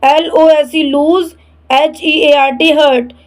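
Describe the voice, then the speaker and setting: A woman teaches English words in a spelling-and-repeat drill. She spells each letter, says the word twice, then gives its translation. Her voice sits high and the pace is very slow. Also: steady tone, poor audio.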